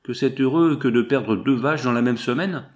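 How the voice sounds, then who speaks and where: A man voicing a middle-aged farmer who complains slowly and plaintively. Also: medium pitch, lightly acted. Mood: lamenting.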